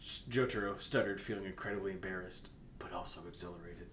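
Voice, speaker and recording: Talking a little fast with a bit of brightness and fairly even intonation, this young man giggles through a comic fan fiction reading, tripping over words and overacting the quoted lines between bits of casual banter. Faint rumbling noise fills the echoey room.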